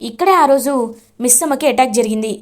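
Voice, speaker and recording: A woman retells a television serial episode scene by scene in a lively, flowing storyteller voice. Her voice sits high. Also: fast.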